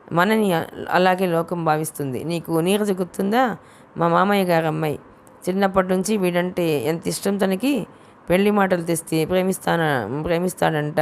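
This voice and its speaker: Low gravelly woman narrating a novel. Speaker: audiobook narrator. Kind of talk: scripted narration of a novel, voicing all characters.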